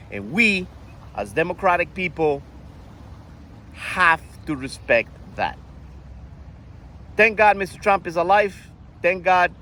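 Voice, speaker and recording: An older man from Costa Rica talking earnestly in a casual monologue, often halting and restarting his sentences. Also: high-pitched, a bit bright, slight background noise. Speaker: vlogger.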